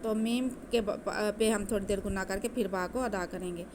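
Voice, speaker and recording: A woman teaching Quranic recitation, patiently explaining each letter and then chanting the words slowly. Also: mid-range voice, fairly even intonation, darkish tone, slight background noise.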